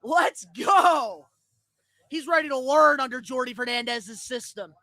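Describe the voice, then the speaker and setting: A high-pitched, bright-voiced man reacts live, excitable and prone to yelling and swearing. His voice is recorded close and dry. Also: measured pace, no room sound. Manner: excitable, shouts and swears in bursts of joy. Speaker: streamer reacting to a sports draft.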